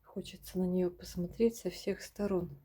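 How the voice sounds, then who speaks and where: A woman showing her houseplants in a casual vlog at home, speaking softly and often dropping to a whisper as she talks to her viewers. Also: lowish voice, fairly even intonation, normal speed, a little hiss or hum. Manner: soft-spoken, often drops to a whisper, addresses viewers as girls. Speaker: plant vlogger. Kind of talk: casual plant-collection vlog. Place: home among houseplants, indoors.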